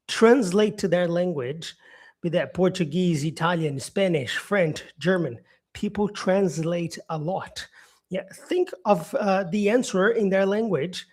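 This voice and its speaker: A man from Brazil teaching English in a live stream, speaking slowly with many "yeah" and "um" fillers, repeating and rephrasing his points. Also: high voice, darkish tone. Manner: repeats himself, answers viewer comments, frequent "yeah" and "um".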